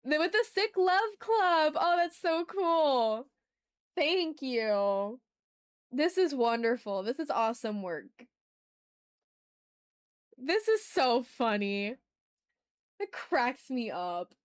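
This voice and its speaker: With a high, clean voice that swings widely in pitch, a woman hosts a casual art livestream, thinking aloud as she draws. She talks slowly with long pauses, chatting to viewers in informal, slangy, effusive language.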